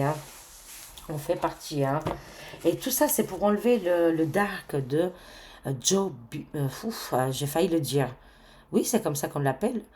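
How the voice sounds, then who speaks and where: A woman with a notably low voice gives a casual spiritual card reading. She talks chattily, peppering her speech with fillers and excited exclamations. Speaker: tarot card reader.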